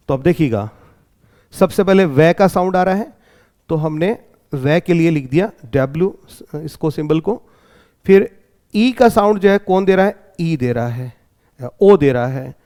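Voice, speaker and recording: An Indian man teaching an exam-prep English lesson, explaining step by step and often asking whether it is clear. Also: on the high side, mellow. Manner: explains step by step, checks in with 'clear?'.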